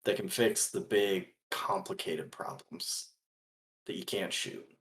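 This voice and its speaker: A man playing a principled, earnest gunslinger in a tabletop role-play, speaking deliberately in halting phrases. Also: sits low, a bit bright, full character voice. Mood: earnest, resolute.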